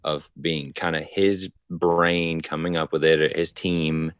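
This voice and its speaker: A man with a very deep voice guests on a casual podcast. He talks emphatically, piling up eager agreement. The recording is close and dry. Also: level tone, a little slow, smooth, dry recording.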